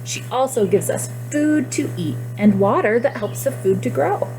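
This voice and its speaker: A woman's voice: a little high, expressive, normal speed, a little mellow, soft background music, voice pushed up, poor audio. A woman voicing a helpful female storybook rabbit who teaches children about food in an encouraging, instructive way. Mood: upbeat.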